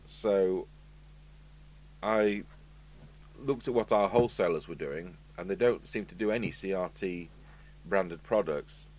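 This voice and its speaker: The audio is poor, with a steady hum and background noise, as a low-pitched English radio repairer from the UK hosts an unscripted video. He speaks a little slowly with long pauses, rambling chattily with asides while demonstrating.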